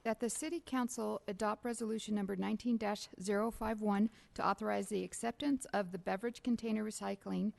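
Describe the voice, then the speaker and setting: Gravelly-voiced woman clerk reading motions. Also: mid-range voice, brisk, hardly any pauses. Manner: reads motions and recommendations in a steady procedural tone. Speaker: city clerk. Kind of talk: formal meeting procedure.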